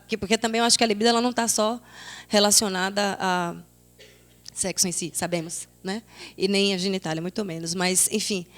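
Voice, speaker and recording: A woman's voice: mid-range voice, a bit bright. Thoughtful Bahian woman in her twenties. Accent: Bahian Brazilian Portuguese. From Salvador, Bahia, Brazil. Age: 20s. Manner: thoughtful, searching, many restarts. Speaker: panelist, theatre critic. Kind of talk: reflective panel talk.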